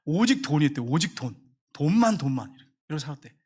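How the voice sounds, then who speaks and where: Fast-talking, high-voiced male pastor. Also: sing-song, darkish tone, breathy edge. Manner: emphatic, repeats key phrases. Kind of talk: sermon.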